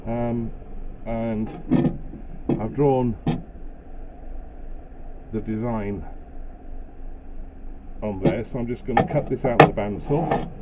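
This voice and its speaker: A man's voice: medium pitch, steady tone, slow, long pauses. A middle-aged man hosting a woodworking channel, talking casually through his plans in a small home workshop, with plenty of ums and uhs. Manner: chatty, hesitant with fillers. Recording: tinny phone-like sound with faint noise.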